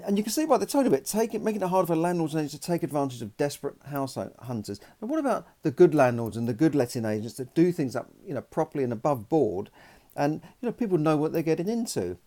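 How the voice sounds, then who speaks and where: A man talks through his solo podcast in a mellow, relaxed voice. He rambles and restarts often, and grows indignant as he makes his case as a landlord. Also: fairly high pitch. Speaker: podcast host.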